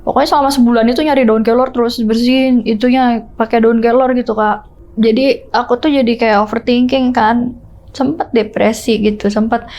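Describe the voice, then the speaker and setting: A woman's voice: on the high side, a little mellow. A woman guest in casual conversation, recounting a personal ordeal in an earnest, emotional way. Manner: earnest and emotional, with frequent fillers and restarts. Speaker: guest storyteller.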